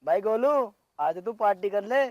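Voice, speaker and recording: Give me a high-voiced village sidekick who repeats taunts, recorded dry. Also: male voice, lively intonation, normal speed, muffled recording. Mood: mocking. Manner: echoing taunts. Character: young village man, mocking sidekick.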